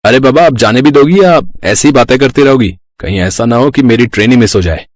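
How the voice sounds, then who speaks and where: A man's voice: medium pitch, a little fast, dry recording, lightly acted. A man playing a young husband who talks in a casual, coaxing tone.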